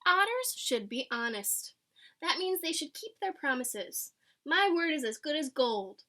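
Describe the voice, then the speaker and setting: Reading a picture book aloud to children like a teacher, this woman has a high voice and talks a little slowly. She stays animated and explanatory, acting out the dialogue and adding side comments.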